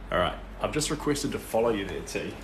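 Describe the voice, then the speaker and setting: Man, New Zealand accent, low voice, casual chat while painting, distant mic, echoey studio. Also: brisk. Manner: relaxed, chatty, answers viewers' comments between brushstrokes. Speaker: painter livestreaming. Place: shared artist studio, indoors. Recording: roomy studio sound, mic set at a distance, steady background noise.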